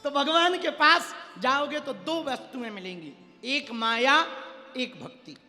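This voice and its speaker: A man's voice: extremely high pitch, measured pace, bright, forceful tone. A man preaching a devotional sermon to a large gathering, telling a story and coaxing the crowd to answer him. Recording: long hall reverb, faint music.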